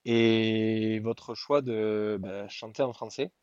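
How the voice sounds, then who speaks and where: A man's voice: fairly low pitch, steady tone, slow pace, a little mellow, smooth, no echo, muffled recording. A man interviewing a band, asking questions politely with hesitant fillers.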